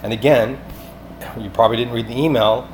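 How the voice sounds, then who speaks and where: Speaking a bit quickly in a mid-range, slightly mellow voice with fairly even intonation, a man leaves a rambling voicemail. He pleads in an agitated, insistent, repetitive way and swears at times. The amateur phone recording is clearly noisy.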